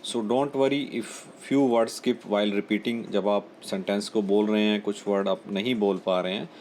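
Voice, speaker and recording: A man's voice: on the low side, steady tone, unhurried, a little mellow. A man giving a spoken exam-prep lesson as a trainer, explaining steadily and mixing in English phrases. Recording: echoey room with faint ambient noise.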